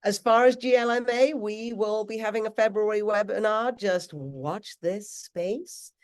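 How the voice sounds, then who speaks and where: A congested woman hosting a webinar, chatting warmly and effusively with her guest. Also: mid-range voice, a little slow. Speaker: webinar host. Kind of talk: casual webinar chat.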